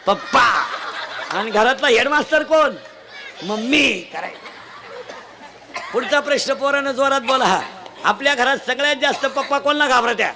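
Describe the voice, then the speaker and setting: High-pitched man w doing a comic kirtan, yelling questions at the kids, lots of noise behind. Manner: shouts questions to children in the crowd, folksy and teasing. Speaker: kirtan preacher. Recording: noisy live event ambience.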